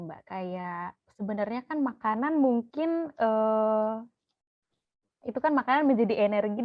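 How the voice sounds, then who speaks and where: Woman podcast host, Indonesian accent, chatty questioner, slightly muffled audio. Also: fairly high pitch. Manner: friendly questions, laughs often. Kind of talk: casual podcast interview.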